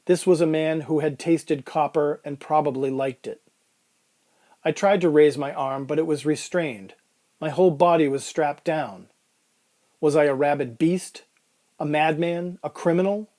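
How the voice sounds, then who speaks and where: Here a man voices a troubled patient in an audio drama, speaking deliberately in the first person as he dwells on his surreal ordeal. The voice is a touch high, mellow and soft at the edges, and stays close to how he might sound day to day.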